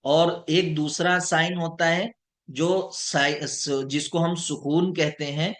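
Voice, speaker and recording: A man teaching an online lesson, slowly drawing out each example word and checking in with his students. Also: on the high side, fairly even intonation, a bit bright. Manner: slow, deliberate, drawing out example words; checks in with students, addressed as sir. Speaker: Arabic teacher.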